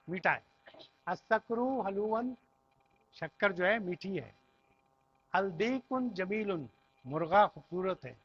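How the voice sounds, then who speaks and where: High-voiced patient male Arabic teacher. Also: husky. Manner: patient, repeats each phrase and explains word by word. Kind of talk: classroom language lesson. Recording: dull lo-fi recording.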